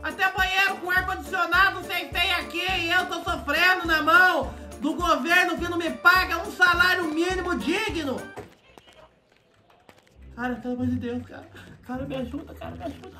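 A frantic, whiny man with a face tattoo howls for help while his house burns. The voice sits very high and comes out bright and piercing, with faint music behind it in the game. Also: fairly even intonation, moderate pace, exaggerated voice. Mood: pleading. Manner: panicked, whiny, pleading shouts. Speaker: streamer playing a role-play game character. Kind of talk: game role-play.

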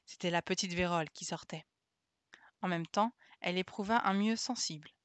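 A woman streamer reading a classic children's novel aloud in a calm, steady storytelling manner. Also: on the low side, normal speed, dry recording.

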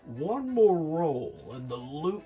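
A man doing a booming, menacing devil. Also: very animated, slow pace, dark tone, husky, faint music behind, exaggerated voice. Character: booming sleazy male devil casino owner.

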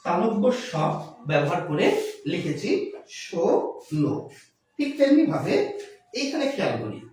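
A Bengali language teacher giving a slow lesson on pronunciation rules, repeating each word and example. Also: medium pitch, a little mellow. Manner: explains slowly, repeats words and examples. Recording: echoey room recorded from far off.

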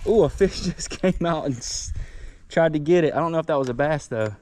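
A fishing channel host chats casually and coaches his young son while bass fishing from a bass boat on a river, in outdoor vlog style. He talks fairly quickly with a darkish tone, and the action camera on the boat picks up clear wind and water noise.

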